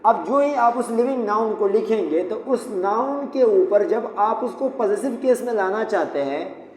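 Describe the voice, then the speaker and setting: A man's voice: high-pitched, lively intonation, normal speed, darkish tone. Patient male teacher in an echoey room. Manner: patient, explains step by step and repeats key points. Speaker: English grammar teacher. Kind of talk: classroom lesson at a whiteboard. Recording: echoey room, faint background noise.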